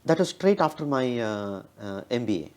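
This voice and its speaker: Very animated and fast-talking, this interview guest, a man with a heavy Indian accent, shares stories conversationally and keeps checking in by ending lines with "right?". He has a mid-range voice.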